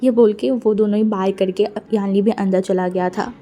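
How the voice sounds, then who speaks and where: A woman's voice: medium pitch, fairly even intonation, moderate pace, dark tone, faint music behind. A woman narrating a fan fiction story aloud in a casual storytelling manner, mixing in English words.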